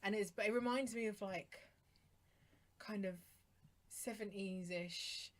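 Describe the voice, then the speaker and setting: A woman's voice: mid-range voice, takes it slowly. A British woman co-hosting a podcast, chatting casually and enthusiastically about songs, often rambling and laughing. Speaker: podcast co-host. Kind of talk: casual chat reviewing songs.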